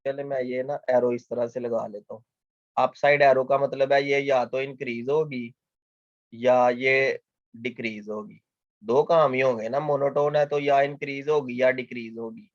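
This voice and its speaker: A male mathematics lecturer talks students through a lesson at a steady, patient pace. He repeats each point and poses questions that he answers himself. The recording is dull, lo-fi and dry. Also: mid-range voice, unhurried, no echo. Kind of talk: explanatory lecture.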